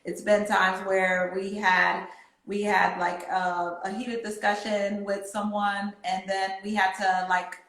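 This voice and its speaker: A woman's voice: medium pitch, flat delivery, slow, fairly bright tone, roomy sound, poor audio. A woman who teaches laughter yoga, talking earnestly in casual chat, with many fillers and restarts.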